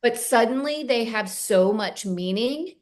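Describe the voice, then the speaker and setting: A woman co-hosting a casual talk show, animated and quick to swear, often quoting her own thoughts aloud. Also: fairly high pitch. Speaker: co-host. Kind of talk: casual chat.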